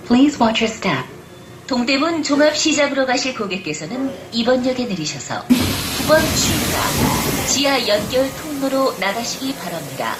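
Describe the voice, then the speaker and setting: Formal woman's subway announcement over train speakers. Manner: calm, measured, formal and polite. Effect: train announcement over onboard speakers. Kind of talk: recorded transit announcement. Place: inside a moving subway train. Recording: echoey train car with loud rail noise. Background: train rumble and carriage noise.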